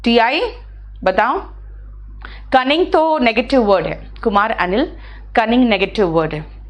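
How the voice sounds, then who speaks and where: A fairly high-voiced woman with an Indian accent teaches an English class in Hindi. She speaks patiently and reads example sentences slowly and deliberately. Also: lively intonation. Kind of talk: live online class, answering student questions.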